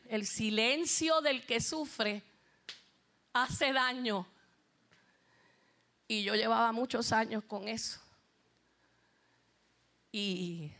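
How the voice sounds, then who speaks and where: A woman's voice: a little high, fairly bright tone. A middle-aged woman with a Puerto Rican accent, giving a heartfelt church testimony as a worship singer and speaking directly to the congregation.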